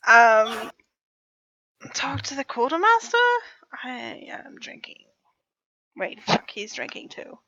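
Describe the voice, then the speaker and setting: Bright-toned woman gamer chatting with her group, voice a bit high. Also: big pitch swings, takes it slowly, long pauses, no echo, dull audio. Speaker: player. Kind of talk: casual chat at a tabletop game.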